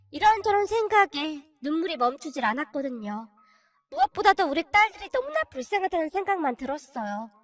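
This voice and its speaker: Very high-voiced woman narrating a confession. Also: a bit bright. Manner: emotional, confiding. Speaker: storyteller reading a submitted life story. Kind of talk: scripted first-person narration.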